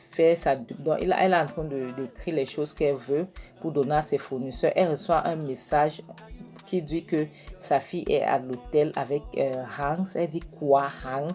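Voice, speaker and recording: Woman, film recap narration, low pitch, dark mellow tone, hesitant. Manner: hesitant, many fillers and restarts.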